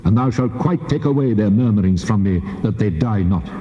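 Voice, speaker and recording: An actor voices the God of Israel in a dramatised scripture reading in King James English, declaiming in a solemn, measured, commanding and authoritative way. His expressive voice sits on the low side. The tape sounds muffled, with heavy, long, cavernous reverb.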